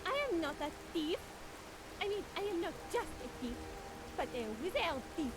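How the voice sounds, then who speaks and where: A woman's voice: extremely high pitch, lively intonation, moderate pace. Woman playing a haughty wizard thief, French accent. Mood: boastful. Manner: grandiose, insulting, theatrical threats. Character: boastful female wizard thief bandit, threatening and haughty. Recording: hissy audio with rain noise.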